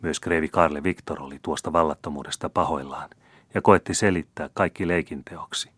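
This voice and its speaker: A man reads a classic novel aloud in a measured, steady storytelling voice. His voice is deep and low. The sound is dry and close, with no room around it. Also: slightly rough, no room sound. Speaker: audiobook narrator. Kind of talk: classic novel audiobook narration.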